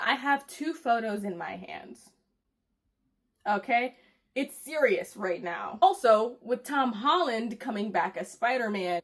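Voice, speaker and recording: A woman with a Chicago accent giving casual, exasperated commentary in a video essay, full of rhetorical questions. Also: fairly high pitch. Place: home at night.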